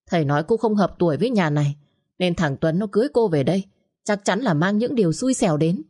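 A woman voicing a furious, harsh older mother-in-law who shouts and scolds. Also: on the low side, lively intonation, fast, slightly rough. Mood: furious scolding.

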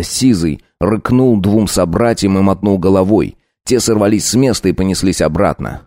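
A man narrating a dark folk-tale audiobook in a measured, storytelling way with folksy phrasing. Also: deep voice, no room sound, clean studio sound.

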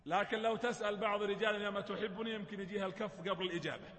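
A man's voice: high-pitched, steady tone, racing, fairly bright tone, in a large hall. A man giving a storytelling religious lecture, retelling sacred history with colloquial explanations and light humorous asides.

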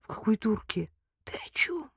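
A woman reading an audiobook, voicing a frightened young woman who pleads in a hushed, breathy voice. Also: mid-range voice, big pitch swings, normal speed, dry recording, clean studio sound. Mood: pleading, scared.

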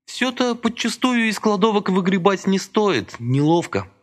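A man's voice: high-pitched, sing-song, a little slow, voice pushed up. A man doing a meek, pleading young woman. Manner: soft, pleading, helpless.

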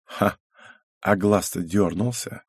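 A husky male narrator reads a first-person audiobook with an expressive, wry delivery. The studio sound is close and dry. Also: deep voice, slow, no room sound.

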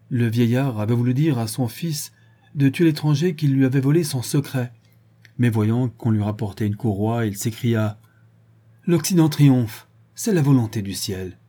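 A man reading a nineteenth-century travel account aloud as an audiobook, in measured storytelling narration. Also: mid-range voice, dark tone, husky. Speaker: audiobook reader. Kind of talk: scripted narration.

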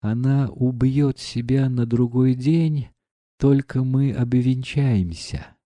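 Мужчина-чтец, озвучивающий гордую страстную молодую дворянку, говорит взволнованно и с упрёком. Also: male voice, mid-range voice, slow, dark tone, no room sound, natural voice. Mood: reproachful. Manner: agitated, reproachful questioning. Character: proud passionate young noblewoman.

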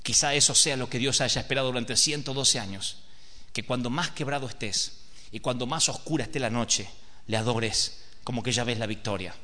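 Theatrical preacher man with a bright voice. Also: medium pitch, steady tone, normal speed. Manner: theatrical, emphatic, addresses the audience directly. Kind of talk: dramatic sermon storytelling. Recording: echoey hall.

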